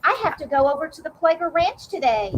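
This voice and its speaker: A woman's voice: high voice, big pitch swings, a little fast, slight background noise, voice pushed up, low-quality recording. A woman reading as a friendly grandpa. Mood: eager.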